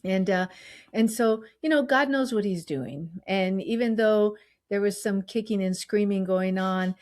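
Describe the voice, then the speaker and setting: A woman's voice: medium pitch, unhurried, darkish tone. A middle-aged woman doctor co-hosting a podcast, talking in an earnest, reflective way with frequent restarts. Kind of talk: casual podcast chat.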